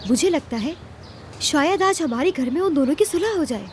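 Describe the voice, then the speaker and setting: An actress dubbing a sweet young best friend who soothes and reassures in a TV drama. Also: female voice, high-pitched, expressive, normal speed, a little hiss or hum. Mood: soothing. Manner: soothing, coaxing. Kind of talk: dubbed drama. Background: music.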